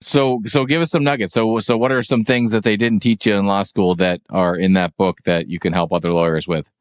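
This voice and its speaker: Deep-voiced male podcast host. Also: fairly even intonation, fairly quick, smooth, no room sound, clean studio sound. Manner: friendly, brief affirmations, rambling questions. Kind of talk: interviewing a guest.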